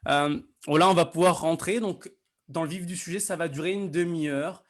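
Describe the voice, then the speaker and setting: An upbeat man hosts a live online interview and greets his community. His voice is on the high side, and he talks in a friendly, halting way, often restarting his sentences. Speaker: host.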